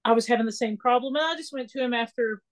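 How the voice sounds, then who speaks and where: A woman guest in a casual interview, telling her story in an animated way and acting out what people said. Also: a little high, quick pace. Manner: animated storyteller who acts out quoted dialogue. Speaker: podcast guest.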